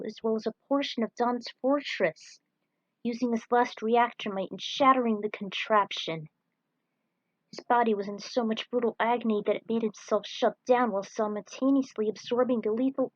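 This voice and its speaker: A woman with a higher-pitched voice narrates an action story she wrote as fan fiction, reading it in a dramatic, scripted manner. The close recording has no echo but sounds dull and lo-fi.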